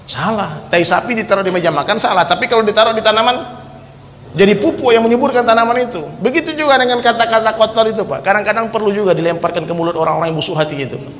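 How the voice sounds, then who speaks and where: Male preacher, high voice, booming, long hall reverb; swings quiet to shouting. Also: quick pace. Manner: forceful, swings from low asides to loud shouted exhortations. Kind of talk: fiery Islamic sermon. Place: large hall with crowd. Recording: echoey hall with crowd noise.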